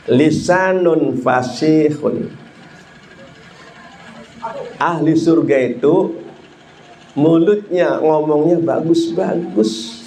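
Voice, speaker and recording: A man, preaching a lively sermon to a congregation, joking with the crowd and swinging between high excited peaks and slow drawn-out phrases. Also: echoey room, slight background noise. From Indonesia. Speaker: Islamic preacher.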